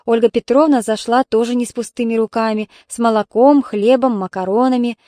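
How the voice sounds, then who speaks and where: A woman narrating an audiobook in a measured, somber way. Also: on the high side, fairly even intonation, mellow, dry recording, studio quality. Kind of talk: scripted narration.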